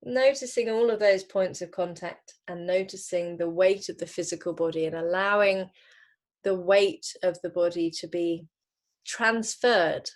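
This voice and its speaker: Her voice on the low side, a woman leads a guided relaxation as a yoga teacher. She gives gentle instructions at an unhurried pace, pausing between phrases.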